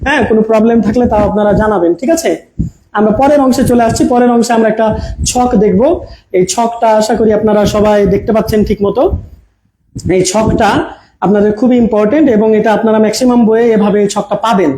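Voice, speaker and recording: A man's voice: sits high, fairly even intonation, fast, background noise. A man teaching an online grammar class in front of a projector. He repeats key points, keeps asking his viewers questions, and mixes English words into his speech. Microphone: camera mic.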